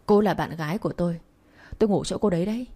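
A woman's voice: lowish voice, fast talker, warm tone, natural voice. A woman reading the lines of a cold, arrogant young man in a spoken romance story, in a curt and dismissive manner.

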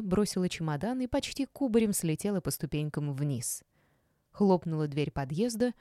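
Woman reading an audiobook in first person, low mellow voice, wry, very dry close sound. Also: no echo. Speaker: audiobook narrator.

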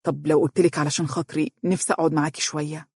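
A narrator voicing an eager, affectionate young man who speaks with an Egyptian accent, rushing his words. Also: medium pitch, fairly even intonation, darkish tone, breathy edge, dry recording, clean studio sound. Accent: Egyptian Arabic.

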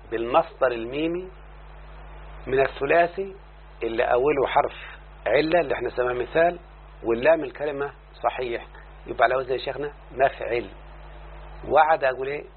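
Egyptian-accented man teaching over a tinny recording. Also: medium pitch. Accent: Egyptian Arabic. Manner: checks understanding with constant questions to the student. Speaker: teacher of Arabic morphology. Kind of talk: classroom lesson. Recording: tinny lo-fi recording with faint hum.

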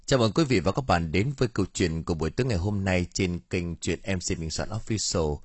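A man reading a story aloud as narrator, in an expressive, dramatic audiobook style. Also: low voice, quick pace, husky, no echo. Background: faint music.

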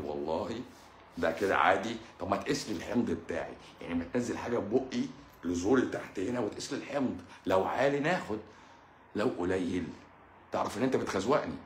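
A man's voice: medium pitch, a bit bright, echoey room. A man with an Egyptian accent, a doctor talking casually to his audience in a sarcastic, mocking way, full of rhetorical questions. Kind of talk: casual live monologue.

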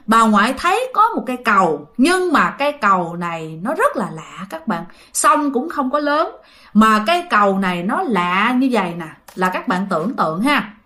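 A woman's voice: fairly high pitch, pushed and bright. Chatty Southern Vietnamese woman telling ghost stories. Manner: chatty, addresses listeners directly. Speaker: ghost story narrator. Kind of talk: casual spoken storytelling.

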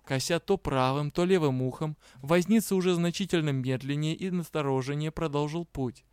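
Clear-voiced male audiobook narrator. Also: a little high, moderate pace, darkish tone, no room sound, studio quality. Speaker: audiobook reader. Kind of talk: scripted fantasy narration.

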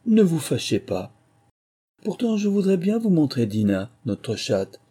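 A man's voice: medium pitch, animated, normal speed, dark tone, husky. A man voicing Alice, a curious and polite young girl, in a storybook reading, with a raised, eager and pleading tone. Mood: coaxing.

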